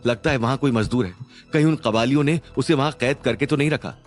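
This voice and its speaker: A man's voice: medium pitch, fast talker, faint music behind, natural voice. A man voicing an impulsive young man in an audio drama, speaking in an agitated, eager way. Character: impulsive young man, loyal to his people.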